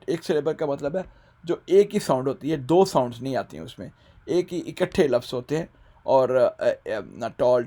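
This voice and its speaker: A man teaching English grammar in a recorded lesson, speaking with a Punjabi-Urdu accent. His voice sits at an ordinary middle pitch. He walks through the rules step by step, poses questions to the viewer, and drags out each English example sentence very slowly. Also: mellow.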